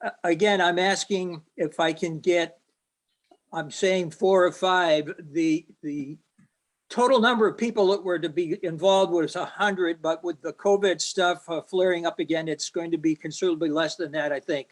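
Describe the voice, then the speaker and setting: A man making an announcement at a club meeting, asking for volunteers, speaking haltingly with fillers and restarts. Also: a little high, fairly even intonation.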